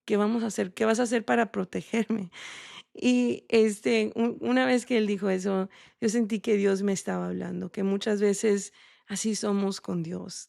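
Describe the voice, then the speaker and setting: A woman giving a devotional teaching, earnest, slow and prayerful, with frequent restarts. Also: medium pitch, gravelly, a little mellow, no room sound, studio quality. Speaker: podcast host sharing a devotional.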